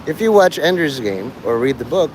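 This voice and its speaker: A live streamer with a fairly high, slightly mellow voice talks at normal speed with big pitch swings. He rambles casually to listeners, bluntly and profanely, in poor audio that clearly carries outdoor traffic and vehicle noise.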